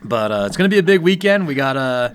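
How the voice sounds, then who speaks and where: A man's voice: medium pitch, big pitch swings, fast, clean tone. A man co-hosting a sports podcast, casual and joking, laughing often and rambling. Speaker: podcast co-host.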